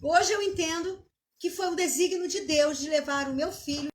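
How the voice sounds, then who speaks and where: High-voiced Brazilian woman giving a halting testimony. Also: a little hiss or hum. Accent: Brazilian Portuguese. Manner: emotional, halting, with many restarts and tag questions. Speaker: pastor. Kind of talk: live-streamed testimony.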